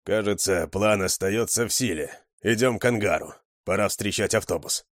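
A man voicing a commanding middle-aged prison warden who speaks brisk orders. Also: on the low side, no echo, studio quality, natural voice.

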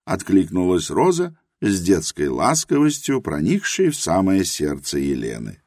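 A man with a very low voice reads the narration of an audiobook expressively, his pitch rising and falling in wide arcs. The sound is close and dry, with no room around it. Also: wildly swooping pitch, measured pace, darkish tone, dry recording.

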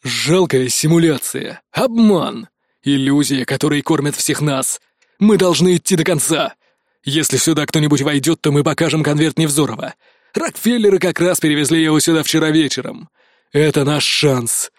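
A man voicing a cold, fanatical male rebel leader in an audiobook, speaking calmly with a menacing growl. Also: on the high side, normal speed, no room sound, clean studio sound, lightly acted. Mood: fervent.

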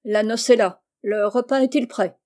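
A tyrannical old sea king barks his words with brusque, scolding fury, put on by a woman reading a fairy tale aloud. His voice rides a little higher and louder than the narration around it, yet stays dark and mellow in tone. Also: moderate pace, close to an everyday voice. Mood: stern.

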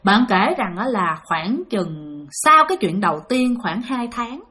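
A woman's voice: medium pitch, very animated, unhurried, bright, forceful tone. A woman narrating a ghost story in a dramatic, emphatic way, speaking straight to her listeners.

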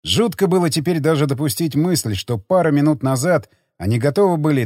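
A man narrating an audiobook in an expressive, dramatic reading. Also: a little high, no room sound, studio quality.

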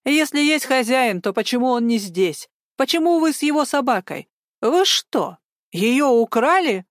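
A woman's voice: high voice, lively intonation, a little slow, dry recording, clean studio sound, pitched above the performer's own voice. Woman doing a weary young duty sergeant. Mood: accusing.

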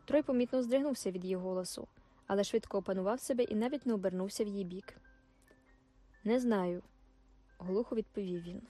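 A woman reading a classic novel aloud as audiobook narrator, measured and expressive. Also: mid-range voice, soft background music.

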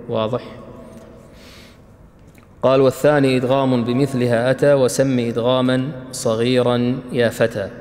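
A man's voice: mid-range voice, darkish tone. Echoing male Quran teacher in a hall. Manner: slow, repeats points, asks the class "what?" and "clear?". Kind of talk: classroom lesson explaining a tajweed poem. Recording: echoey hall.

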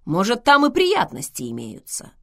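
A woman reading as a calm, logical young man. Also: a little high, moderate pace, voice pushed up, full character voice. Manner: calm, reasonable.

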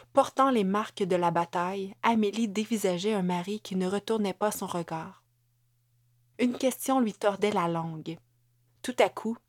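A woman narrating an audiobook in a measured way, sometimes sinking to a whisper. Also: mid-range voice, no echo, clean studio sound.

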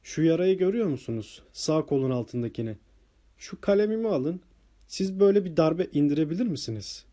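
An excitable little doctor, put on by a male narrator, pitched well above the reader's own voice. He talks earnestly and eagerly, explaining each point, with a warm, mellow tone underneath. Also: a little fast, lightly acted.

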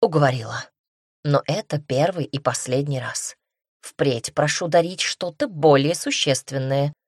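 Woman doing a man, teasing mentor, calm, wry, low voice, dry close sound, storybook reading. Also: a little slow, husky, dry recording. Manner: calm, wry, gently mocking.

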